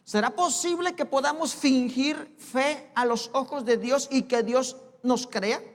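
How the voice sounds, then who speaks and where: A man preaching a sermon as pastor, asking slow rhetorical questions of the congregation. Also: extremely high pitch. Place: church sanctuary. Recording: long hall reverb, live church recording.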